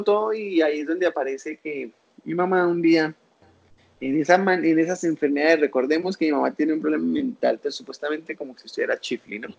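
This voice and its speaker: Gravelly young Colombian man telling his story. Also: on the high side, highs cut off. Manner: animated storyteller who acts out quoted voices. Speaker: guest. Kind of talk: personal life story in an interview.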